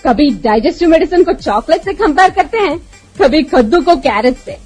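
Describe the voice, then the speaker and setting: A woman's voice: high-pitched, lively intonation, rapid-fire, darkish tone, soft background music. A woman with an Indian accent co-hosting a show in chatty, scripted banter, switching between languages. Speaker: co-host.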